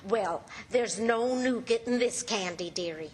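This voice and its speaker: A woman's voice: mid-range voice, a little slow, a little hiss or hum, natural voice. A woman playing a patient, teasing housewife with a wry streak in an old-time radio comedy. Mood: teasing, fond.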